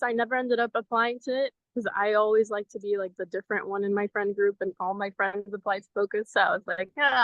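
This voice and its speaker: This interview guest is a woman from Venezuela in her twenties who belongs to a ministry program, chatting outdoors in front of a cathedral. Her medium-pitched voice has a fairly bright tone, and her talk is friendly and loose, packed with um and like. The recording is dry, with its highs cut off.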